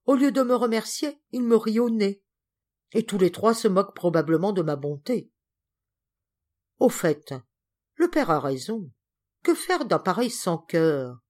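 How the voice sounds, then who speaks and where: A woman's voice: mid-range voice, sing-song, measured pace, pauses often, darkish tone. Woman doing a melodramatic old-maid cousin. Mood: grumbling. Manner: exclamatory, melodramatic. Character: excitable, indignant middle-aged spinster cousin.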